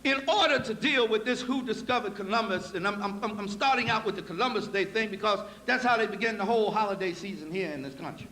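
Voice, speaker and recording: A man lectures a live audience in a high, bright voice, folksy and preacherly. He drops low for asides and climbs to forceful, emphatic points. The recording carries an echoey hall with faint noise. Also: quick pace, few pauses. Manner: folksy, addresses audience as y'all.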